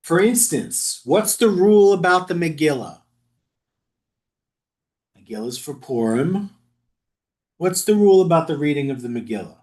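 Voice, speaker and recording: Lively man teaching a Talmud class. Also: on the high side, moderate pace, pauses often. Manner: lively, chatty, laughs at the text, stumbles over Aramaic words. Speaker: rabbi leading a Talmud study group. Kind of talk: informal teaching. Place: synagogue study room.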